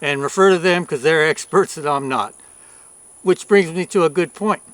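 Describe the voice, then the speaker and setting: A man's voice: on the high side, normal speed, fairly bright tone, no room sound. A man giving a casual, plain-spoken video review as a rancher, recorded outdoors.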